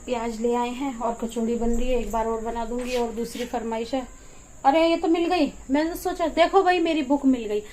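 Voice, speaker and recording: A woman's voice: fairly high pitch, fairly even intonation, normal speed, darkish tone, slight background noise. A middle-aged woman, chatting casually to camera in a home vlog while she explains things and does chores. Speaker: vlogger. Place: home kitchen and yard.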